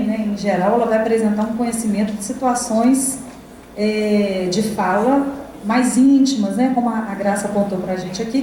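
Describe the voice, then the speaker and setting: A woman's voice: fairly high pitch, dark tone. A middle-aged Brazilian woman giving a university lecture to teachers, talking casually with frequent tag questions and fillers. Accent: Brazilian Portuguese. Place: lecture hall. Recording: echoey hall, distant, faint noise.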